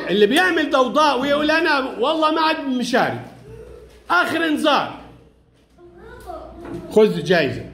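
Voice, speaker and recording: A man teaching young pupils in a classroom, brisk and playful, calling each child up by name. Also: extremely high pitch, gravelly, fairly bright tone. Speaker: primary school Arabic teacher.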